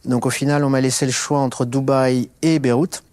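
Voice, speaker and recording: A man's voice: mid-range voice, level tone, normal speed, darkish tone, no room sound. A middle-aged man from Alsace, a guest in a conversational interview, telling his story with many fillers and restarts. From France (Alsace). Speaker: interview guest, business executive.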